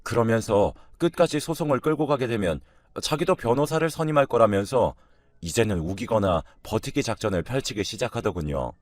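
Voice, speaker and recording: Male narrator, low voice, calm and measured storytelling, dry close mic. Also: no room sound.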